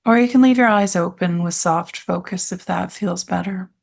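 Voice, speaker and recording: Guiding a meditation, a woman instructor uses gentle, calming phrases with pauses in between. Her voice sits on the low side and sounds gravelly.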